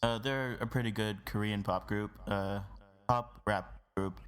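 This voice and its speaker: A man's voice: fairly low pitch, fairly even intonation, measured pace, fairly bright tone, clear, resonant tone, soft background music. A man hosting a casual podcast, talking loosely with lots of fillers. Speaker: podcast host.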